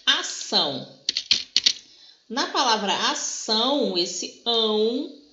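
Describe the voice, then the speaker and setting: Speaking extremely slowly in an expressive voice on the high side, a woman teacher explains a grammar lesson patiently and keeps checking in with "tá?". The recording is very noisy, dull and lo-fi, with room echo.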